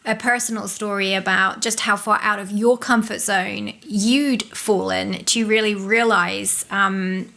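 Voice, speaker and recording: A woman co-hosting a podcast, asking her guest a question in a measured way with some filler sounds. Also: mid-range voice, fairly even intonation, creaky, bright, forceful tone. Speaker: podcast co-host. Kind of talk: interview questions.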